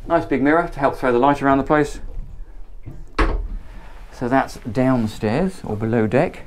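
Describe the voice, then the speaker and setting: A man from England, mid-range voice at a measured pace, gives an improvised, eager and talkative tour aboard a motor boat in a marina. The background is noisy, and the handheld shot follows him from cabin to deck.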